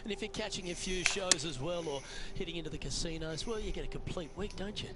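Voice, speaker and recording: A man playing a composed television golf commentator in a sports game. His voice sits a little high and keeps a measured broadcast delivery as he describes play, with loud noise behind him. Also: lightly acted. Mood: composed, informative. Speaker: golf commentator, lead announcer.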